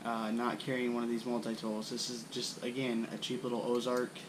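Young guy talking thru his camping gear, pretty monotone, kinda noisy recording. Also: medium pitch, brisk. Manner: relaxed, rambling with frequent fillers. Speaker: bushcraft channel host. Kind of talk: casual gear show-and-tell. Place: indoors at a wooden floor, small room.

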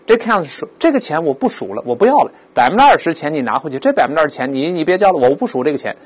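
Animated male teacher drilling vocabulary. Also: on the high side, husky. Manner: drills pronunciation, repeating words slowly aloud; explains with lively rhetorical questions. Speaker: English teacher. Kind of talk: vocabulary lesson.

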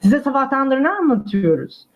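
A woman's voice: high voice, sing-song, normal speed. A woman playing a polite, stubborn tour sales agent in a prank over the phone, with formal, hesitant customer-service patter. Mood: polite, insistent. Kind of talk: prank call role-play. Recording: muffled phone call audio.

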